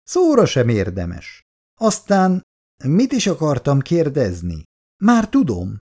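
Man doing a sly mocking gentleman. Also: a little high, huge pitch swings, voice pushed up, heavily acted. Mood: sly prying. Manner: mocking and inquisitive. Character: sly, prying gentleman customer.

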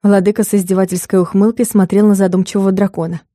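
A woman narrating a comic fantasy audiobook in a measured, expressive way. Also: medium pitch, no echo, clean studio sound.

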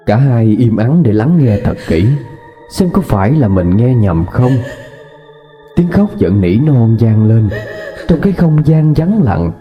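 A man narrating a horror story in a steady, even storytelling voice. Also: mid-range voice, unhurried. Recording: dull lo-fi with faint music.

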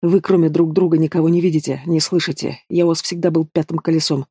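Audiobook heavy: mocking young thug, read by a man, mellow and fairly high. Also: flat delivery, quick pace, breathy edge, no echo, studio quality. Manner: taunting, drawling, casual menace. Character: sneering young male villain, lazy and mocking. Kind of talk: audiobook character voice.

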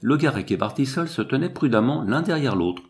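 A man narrating an audiobook with expressive storytelling. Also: medium pitch, brisk. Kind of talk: scripted narration.

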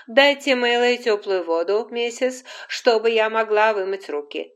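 A woman reading an audiobook and voicing a brisk, commanding middle-aged midwife who speaks slowly and with great assurance. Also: on the high side, animated, pitched above the performer's own voice, lightly acted.

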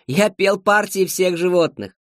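Man reading as a cocky comedian bragging, slow and drawn out, highish voice. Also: dry recording, clean studio sound. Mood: boastful. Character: cocky male comedian, boastful showman.

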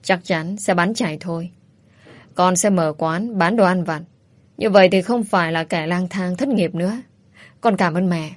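A woman's voice: fairly low pitch, normal speed, no room sound, close to an everyday voice. A woman voicing a bold young woman who talks bluntly and playfully. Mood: pleading. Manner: blunt, teasing.

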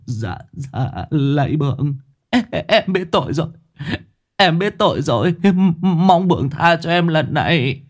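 Terrified young laborer, voiced by a man, high, stammering, trembling. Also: big pitch swings, unhurried, exaggerated voice. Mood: begging.

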